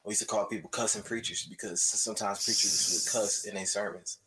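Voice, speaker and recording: A man's voice: on the low side, steady tone, quick pace, a loud crowd, low-quality recording. Earnest man talking faith. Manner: earnest, emphatic about faith. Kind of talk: casual chat.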